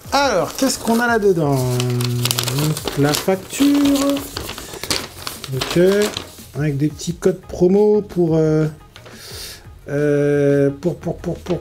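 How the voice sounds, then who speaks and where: A man with a Parisian accent and a blocked nose, chatting in a casual drone-building vlog with many fillers and restarts. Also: high-pitched. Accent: Parisian French. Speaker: FPV drone YouTuber.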